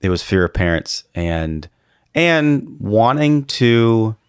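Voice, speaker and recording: Low-voiced male pastor, dry and close, easygoing and affirming. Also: very animated, takes it slowly, clean tone, no echo. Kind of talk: casual conversation.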